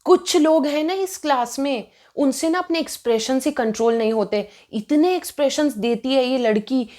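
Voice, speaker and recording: A woman's voice: high-pitched, moderate pace, dark tone, lightly acted. A woman voicing a bossy, scolding male schoolteacher in a stern, lecturing tone while retelling a story.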